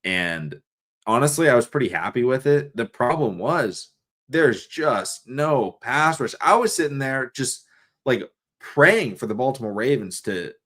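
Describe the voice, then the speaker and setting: A young sports-fan streamer rants casually on a live stream, frustrated and profane, with many fillers and restarts, coughing from an irritated throat. His medium-pitched voice is animated and fairly bright, a little slow.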